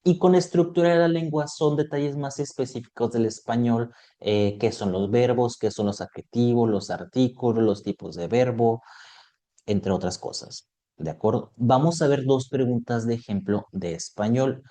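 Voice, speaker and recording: A man's voice: medium pitch, normal speed, mellow. A man teaching an online exam prep lesson, explaining topics step by step and checking in with his students.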